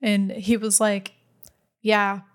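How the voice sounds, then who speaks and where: A woman's voice: on the high side, animated, normal speed. A woman in casual chat among friends, chatty, laughing often and acting out what she would say.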